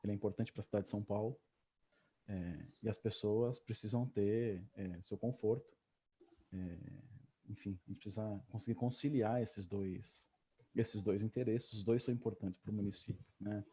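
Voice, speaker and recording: A man's voice: on the low side, steady tone, moderate pace, warm tone, breathy edge. A man, an official giving hesitant remarks full of fillers at a public hearing over a video call. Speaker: tourism agency official.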